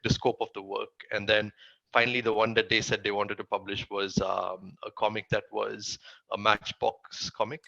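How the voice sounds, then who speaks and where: A man with a Tamil accent talks casually as an interview guest. His voice sits on the low side with a heavy creak and a forceful edge. The recording is dry and a little dull. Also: no room sound. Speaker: interview guest, comic writer. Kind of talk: casual interview answers, recounting career.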